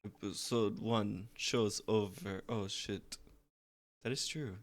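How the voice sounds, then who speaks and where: A man streaming a detective game, reacting in excitable casual commentary with frequent swearing and laughter. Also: lowish voice, slow.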